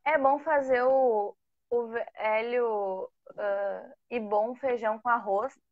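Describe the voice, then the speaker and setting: Woman host, slightly high voice, relaxed questions, dull lo-fi stream audio. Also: takes it slowly, no room sound. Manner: relaxed, conversational, asks questions. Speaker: host interviewing a teacher. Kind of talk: casual live chat.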